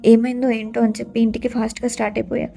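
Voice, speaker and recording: A woman's voice: on the high side, level tone, rapid-fire, vocal fry, mellow, a little hiss or hum. A young woman narrating her own story in the first person, earnest and sorrowful.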